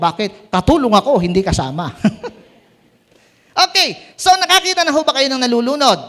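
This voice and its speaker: A man preaching at a prayer meeting, animated, asking the congregation questions and joking with them. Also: high voice. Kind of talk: Tagalog sermon at a prayer meeting. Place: church meeting room.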